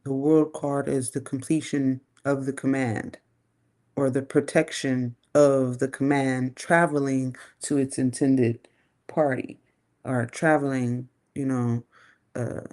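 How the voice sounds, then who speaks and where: A woman's voice: a bass voice, steady tone, takes it slowly, a little mellow. A woman giving a casual live tarot reading, thinking aloud in a chatty, loose way and swearing now and then. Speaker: tarot reader.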